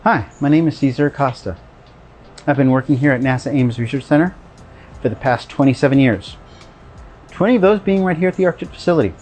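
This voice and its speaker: A man's voice: medium pitch, fairly quick, long pauses, a little mellow, soft background music. A man from a test facility, speaking steadily and proudly in a scripted video message.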